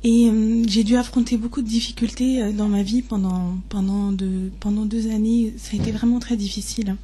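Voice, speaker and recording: A woman in her twenties giving a personal testimony, hesitant and deeply moved, often pausing and restarting. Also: fairly even intonation, mellow. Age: 20s.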